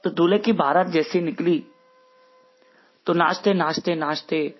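A man's voice: on the high side, steady tone, measured pace, slightly rough. A man narrating a devotional story in a folksy, repetitive storytelling manner. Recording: muffled recording with faint music.

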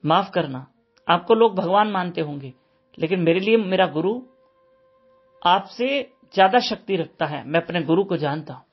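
A man's voice: high-pitched, animated, moderate pace, slightly rough, highs cut off, faint music behind, exaggerated voice. A man voicing a humble, devoted young male disciple who speaks politely and firmly. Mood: steadfast. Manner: polite, steadfast.

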